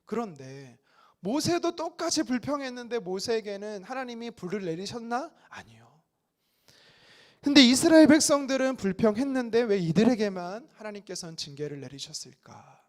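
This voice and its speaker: A man's voice: very high-pitched, big pitch swings, normal speed. A male pastor in his thirties preaching a Wednesday prayer sermon in a conversational way, now and then acting out complaining voices. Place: church sanctuary.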